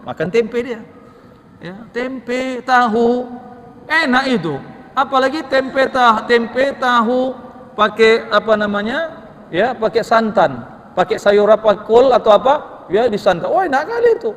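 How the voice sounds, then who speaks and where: A man's voice: extremely high pitch, a little slow, a bit bright. A man preaching a mosque sermon, telling stories with humor and asking rhetorical questions. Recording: long reverb of a mosque hall.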